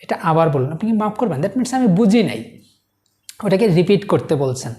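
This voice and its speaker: A woman teaching a spoken-English lesson, saying each model phrase slowly and carefully and often starting her sentences with "So". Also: on the low side, animated, mellow.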